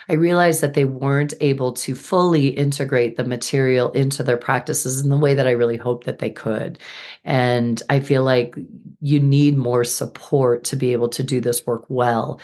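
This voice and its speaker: A woman with a very deep voice, talking through a solo podcast episode. She sounds a little hoarse and squeaky after being sick, yet stays earnest and upbeat, with a few fillers here and there. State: slightly hoarse after illness. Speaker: podcast host and birth healing educator.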